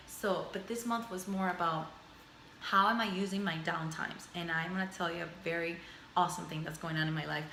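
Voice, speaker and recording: A woman in her thirties whose first language is Spanish vlogs reflectively from home into her camera mic, rambling through lists and repeating phrases. Her voice is on the low side, bright and forceful. The poor recording has an echoey room and a bit of hiss or hum.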